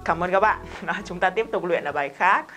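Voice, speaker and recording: A woman with a Vietnamese accent runs a recorded online English lesson, brisk and strict with her learners. She slows right down to drill short phrases for repetition. Faint music plays softly behind her voice. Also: fairly low pitch. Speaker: English teacher.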